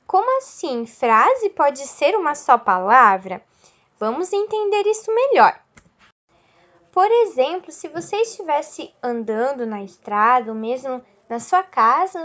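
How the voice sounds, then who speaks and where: Woman teacher, high voice that jumps around a lot, keeps checking in with the class. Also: a bit bright. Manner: explanatory, asks and answers her own questions, frequent tag questions. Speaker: school teacher. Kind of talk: recorded video lesson.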